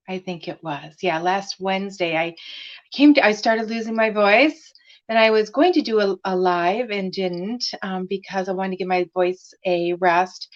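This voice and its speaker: A woman with a medium-pitched voice hosts a craft live stream, greeting viewers by name and using lots of fillers. She sounds slightly raspy while recovering from laryngitis, and the lo-fi stream audio is dull.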